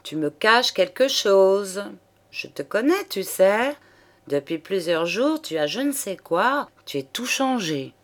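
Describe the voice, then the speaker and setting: A woman's voice: medium pitch, very animated, takes it slowly, voice pushed up. Juliette, a wilful young mistress, voiced by a woman. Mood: insistent. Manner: coaxing, then sharp and threatening.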